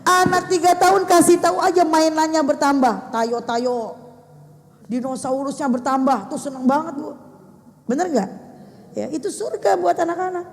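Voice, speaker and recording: An older woman gives a religious talk to a room of mothers, animated and addressing them head-on. Her voice sits high and has a gravelly edge. The sound rings out in a large, echoey hall. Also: normal speed. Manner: animated, addressing the mothers directly, acting out how to speak to children. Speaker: religious teacher. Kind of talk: religious talk to a women's gathering.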